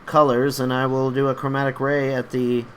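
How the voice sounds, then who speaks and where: A man's voice: medium pitch, flat delivery, normal speed. Casual male tabletop player, faint hiss. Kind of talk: playing a tabletop game online.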